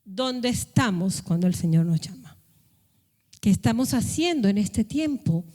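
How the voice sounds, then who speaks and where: A woman's voice: medium pitch, expressive, a little slow, mellow. A woman pastor preaching a sermon in a church hall, pressing her listeners with rhetorical questions and sudden raised calls. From Latin America. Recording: long hall reverb.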